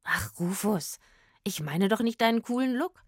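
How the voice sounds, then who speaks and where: A woman's voice: mid-range voice, expressive, moderate pace, breathy edge, no echo, clean studio sound. A woman doing a coy, teasing young drummer girl.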